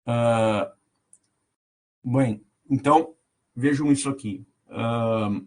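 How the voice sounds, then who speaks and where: A man's voice: medium pitch, very slow, darkish tone. A middle-aged man, a professor explaining a reading to a seminar group and often checking in with "tá?". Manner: explanatory, frequent "tá?" check-ins, reads aloud from text. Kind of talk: online seminar lecture.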